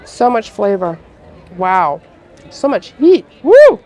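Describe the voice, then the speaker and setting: A woman's voice: on the high side, animated, moderate pace. A woman reviewing food outdoors at a festival, chatting casually with plenty of filler words. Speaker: food vlogger.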